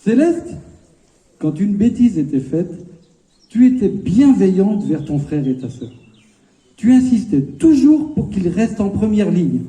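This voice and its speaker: A man's voice: high-pitched, big pitch swings, unhurried, dark tone, roomy sound, low-quality recording. A man in his fifties, the bride's father, giving a playful, teasing wedding speech with asides.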